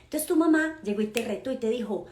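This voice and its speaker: A woman's voice: a little high, expressive, fast, a little mellow. A woman gives a live motivational lesson, telling stories fondly with pet names, diminutives and emphatic asides to the listener. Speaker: mother and personal-growth speaker. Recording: roomy echo.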